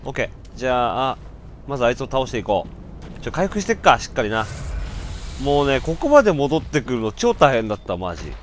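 A man giving casual let's-play commentary, breaking from muttered asides into loud startled outbursts. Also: mid-range voice, big pitch swings, a little fast, a little hiss or hum.

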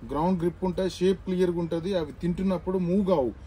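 A man's voice: high voice, steady tone, very fast, mellow. A young man with a Telugu accent walking viewers through a pet shop, explaining products in a chatty, informal way. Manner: chatty, explanatory, mixes English words into Telugu. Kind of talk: casual shop tour for viewers. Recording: faint background noise.

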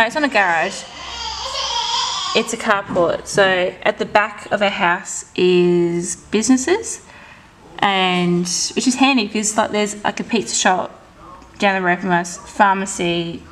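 Inside a house, a young Australian woman in her twenties vlogs casually to camera, her speech hesitant, stop-start, and slightly stuttering. She has a mid-range voice with reverberation, and the home camera audio carries clear background noise.

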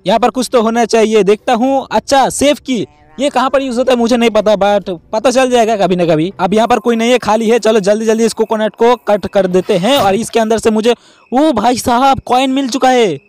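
A young man giving excitable gameplay commentary, talking straight to viewers with lots of exclamations. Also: extremely high pitch, brisk, no echo. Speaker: gaming YouTuber.

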